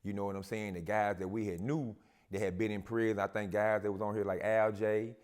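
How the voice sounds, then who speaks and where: A man on a casual talk show as a guest, speaking in a calm, steady, reflective way with Southern slang. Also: fairly low pitch, a little fast, smooth.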